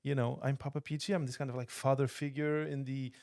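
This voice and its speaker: A man's voice: medium pitch, little pitch movement, fast, darkish tone. Thoughtful man from Portugal, podcast guest. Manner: thoughtful, many restarts and fillers. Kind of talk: casual interview chat. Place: podcast studio.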